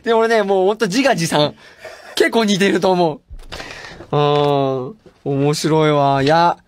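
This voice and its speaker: A man's voice: on the high side, steady tone, a little slow, a little hiss or hum. A man hosting a radio show, reading listener mail in a playful, chatty way and laughing often.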